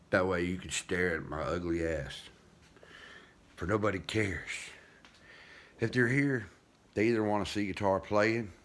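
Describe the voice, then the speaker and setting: Deep-voiced, toothless older man. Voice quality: toothless, soft-edged diction. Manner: self-deprecating, folksy. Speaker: guitar vlogger. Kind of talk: casual rambling vlog chat. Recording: clear background noise, room ambience.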